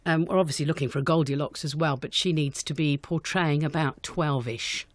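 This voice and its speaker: Speaking brisk and low-pitched, this woman is recorded without any room sound. As the guest, an amateur pantomime director, she fields questions in an unscripted radio interview, sounding chatty and enthusiastic.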